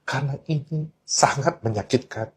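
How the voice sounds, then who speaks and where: A man's voice: medium pitch, moderate pace, a bit bright. A man telling a warning story to his viewers in an urgent, emphatic way, mixing casual slang into his talk. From Indonesia. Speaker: online talk host. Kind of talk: earnest warning monologue.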